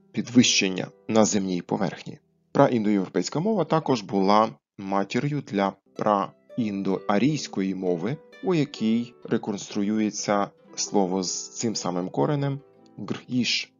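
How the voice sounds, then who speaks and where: A man narrating an educational talk on word history, explaining clearly and stressing each example word. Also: fairly low pitch, muffled recording. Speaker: language history presenter.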